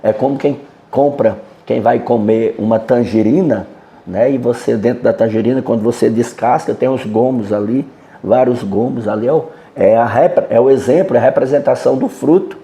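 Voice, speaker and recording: Male pastor, sermon delivery, mid-pitched voice with a mellow tone, earnest teaching style. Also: moderate pace. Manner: earnest teaching, often adds "né" and addresses "querido".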